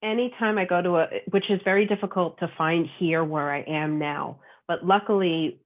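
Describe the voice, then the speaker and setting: A woman chats as a guest author, rambling and full of fillers. Her voice sits a bit low. The call audio is thin and phone-like. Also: normal speed. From Long Island, New York. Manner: chatty, rambling with many fillers. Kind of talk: casual interview chat.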